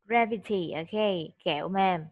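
A woman's voice: mid-range voice, unhurried. Patient woman tutor on a dull call. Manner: patient, coaxing, mixes Vietnamese and English. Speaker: online English tutor. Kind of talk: vocabulary drill with a child.

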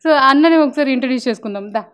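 A woman's voice: high-pitched, rapid-fire, fairly bright tone, clean tone. A young woman anchor chatting playfully with children, teasing them and asking questions. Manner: chatty, teasing, talks to kids in a friendly way.

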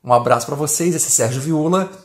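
A Brazilian man with a Brazilian Portuguese accent, teaching English grammar from film clips, who repeats the English phrases slowly and deliberately. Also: on the high side, slightly rough.

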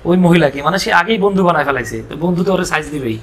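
A man with a Bangladeshi accent teaching English, reading story lines slowly and explaining them with playful, teasing asides. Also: on the high side, animated.

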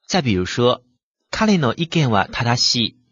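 A language teacher gives a vocabulary lesson on Japanese words, methodically going through example sentences and translating each one. His voice is medium-pitched with wide pitch swings, a slightly bright, husky quality, and a normal pace. The recording is muffled, with no room sound.

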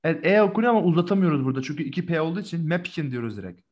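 A patient male teacher leads a remote German lesson over a video call. He calls out words one by one and praises the answers he gets back. His pitch rises and falls freely as he talks. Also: animated, racing, a little mellow, muffled recording.

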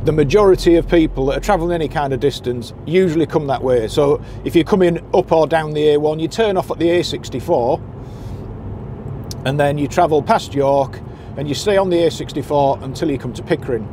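A man's voice: a little high, a little fast, warm tone. Chatty man giving road directions from a car. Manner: chatty, practical, gives directions. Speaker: boat skipper's guide to anglers. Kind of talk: casual driving commentary. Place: in a moving car. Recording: car and road noise behind.

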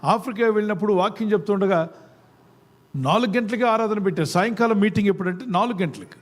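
Man, pastor, high voice, preaching, quizzes the congregation, church service. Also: fast. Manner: call-and-response, quizzing the congregation. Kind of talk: sermon.

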